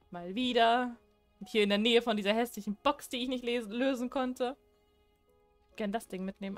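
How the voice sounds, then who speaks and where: A young woman chatting casually while she plays a horror game, joking and talking back to what happens on screen. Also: mid-range voice. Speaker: let's play gamer.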